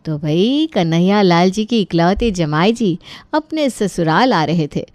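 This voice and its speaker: A woman's voice: on the low side, animated, a little slow, darkish tone, dry recording. A woman narrating a cartoon family story in a chatty way, speaking to the listeners. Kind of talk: scripted narration.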